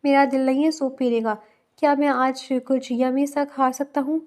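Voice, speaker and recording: A woman's voice: high-pitched, steady tone, natural voice. Woman reading as an innocent childlike grown man. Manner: soft, innocent, stubborn.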